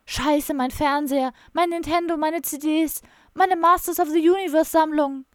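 A woman's voice: medium pitch, animated, moderate pace, dark tone, no room sound, close to an everyday voice. A woman reading an audiobook, voicing an awkward, introverted young man who talks in a raised, whiny, agitated way.

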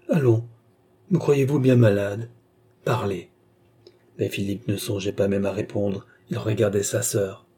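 A man narrating a classic novel as an audiobook in a measured storytelling manner. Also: fairly low pitch, mellow, slightly rough.

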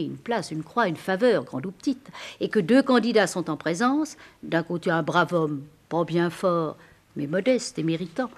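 A cool ironic Parisian wife. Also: female voice, creaky, heavily acted. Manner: ironic, declamatory, sweeping pitch leaps. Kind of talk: 1950s French stage acting.

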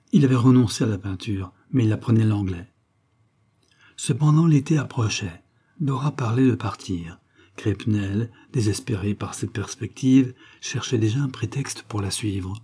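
A man reading a literary novel aloud in a measured, even way. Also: on the low side, husky. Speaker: audiobook reader. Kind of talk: scripted literary narration.

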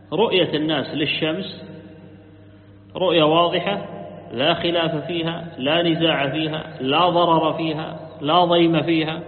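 A man teaching a religious lesson, repeating key words, asking rhetorical questions, and correcting himself as he explains. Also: a little high. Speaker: sheikh teaching a creed text. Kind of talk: religious lecture. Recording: echoey hall, tinny lo-fi line, faint hiss.

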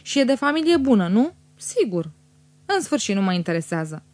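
A woman's voice: medium pitch, very animated, a little mellow, no echo, close to an everyday voice. Woman voicing a chatty, teasing young woman.

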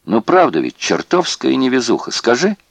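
This is a cruel, tipsy camp guard who sneers and taunts with mock friendliness, as a man reads him out. The voice sits higher than the reader's own and has a gravelly edge. It swings up and down a lot and sounds dry and close. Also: very animated, moderate pace, dry recording.

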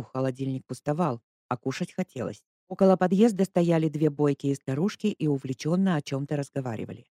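Expressive audiobook narrator, dry sound. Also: medium pitch, dry recording. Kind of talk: scripted narration.

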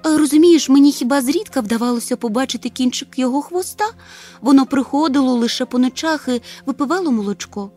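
A woman as a calm, homely mother creature. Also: high voice, fast talker, pitched above the performer's own voice. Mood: soothing.

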